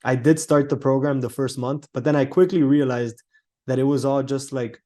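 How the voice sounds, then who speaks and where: Relaxed Cuban-born young man guest. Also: medium pitch, moderate pace. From Cuba. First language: Spanish. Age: 20s. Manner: relaxed, chatty, laughs easily, many "like"s. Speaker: guest, trader. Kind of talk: casual podcast interview.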